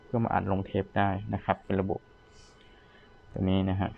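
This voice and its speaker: A man's voice: deep voice, level tone, normal speed, creaky, phone-quality sound. A man giving a casual, polite product demonstration as a seller, talking the viewer through equipment. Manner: polite, ends most phrases with courtesy particles.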